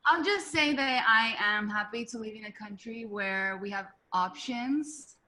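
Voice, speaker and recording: A woman on a video call panel giving her view in a measured, even way. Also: fairly high pitch. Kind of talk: casual discussion.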